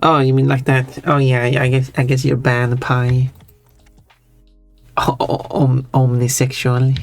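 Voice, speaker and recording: A streamer with a Swedish accent, chatting casually on a live stream in a rambling, halting way with frequent giggles. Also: mid-range voice, monotone, soft background music.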